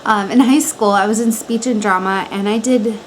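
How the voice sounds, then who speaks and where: A woman's voice: medium pitch, moderate pace, low-quality recording. A woman in her twenties with an American accent gives a casual, chatty how-to talk in the informal style of a personal vlog, recorded in a bedroom. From Montana, United States. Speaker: vlogger. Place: bedroom at home. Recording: steady fan noise in background. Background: electric fan running.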